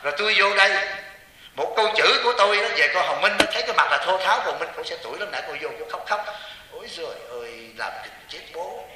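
A man's voice: high voice, very fast, sharp tone, distant mic, a little hiss or hum. A man preaching as a Buddhist monk to lay followers, joking and often asking the audience rhetorical questions. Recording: echoey hall with long reverb.

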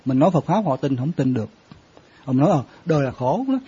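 Man, Buddhist monk teaching, husky mellow voice, lo-fi dull recording. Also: mid-range voice, expressive, quick pace. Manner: conversational, quizzing listeners with repeated questions. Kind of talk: Buddhist dharma talk. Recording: dull lo-fi sound.

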